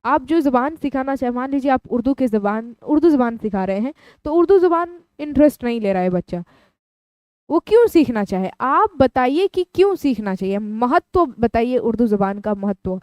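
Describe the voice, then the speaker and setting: A woman teaches an exam-prep lesson, explaining each term and restating it in simpler words. Her voice sits a little high yet sounds mellow and smooth. The recording is close and dry. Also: expressive, a little fast, no room sound. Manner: explanatory, repeats terms in several languages.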